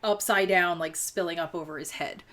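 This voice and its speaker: A woman co-hosting a casual book podcast with a bright, ringing voice. She talks animatedly, laughs often and swears freely as she acts out characters' lines. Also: fairly low pitch, fairly even intonation, normal speed. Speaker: podcast co-host.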